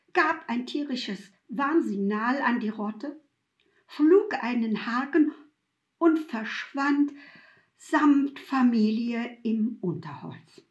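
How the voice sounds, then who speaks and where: A woman narrating a story in an expressive, dramatic reading style. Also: high-pitched, highs cut off. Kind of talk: scripted narration.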